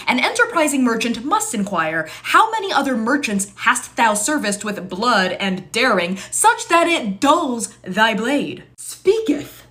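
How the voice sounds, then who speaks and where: A woman's voice: on the high side, fairly bright tone, voice pushed up. A woman voicing a pompous archaic fantasy snob in haughty mock-medieval speech.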